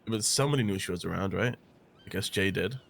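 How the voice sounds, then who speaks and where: Low-voiced guy pushing back. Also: fast, gravelly, fairly bright tone, dry recording. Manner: pushing back, insistent, swears. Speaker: roleplay gang member. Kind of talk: in-character argument.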